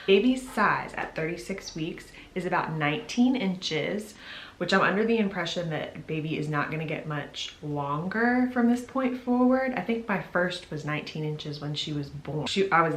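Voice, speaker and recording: Young adult woman, pregnant vlogger, low-ish voice, chatty to camera, roomy echo. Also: a bit bright, slight background noise. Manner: chatty and upbeat, speaks straight to viewers. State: pregnant, a little out of breath. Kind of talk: casual vlog update to camera.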